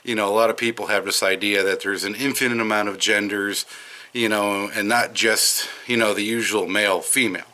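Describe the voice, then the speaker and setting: A man's voice: lowish voice, fairly even intonation, a little fast, pushed and bright. A man from Wisconsin with a light Wisconsin accent, talking in a casual, rambling monologue full of fillers and restarts while on a smoke break outdoors. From Madison, Wisconsin, USA. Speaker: video commentator.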